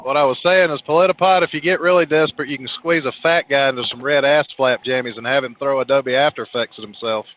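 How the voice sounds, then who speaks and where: A man talks quickly over a narrow, phone-like call with faint noise behind him. He is casual and crude, tripping over his starts. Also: medium pitch, steady tone. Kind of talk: casual group chat. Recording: muffled lo-fi call, noisy background.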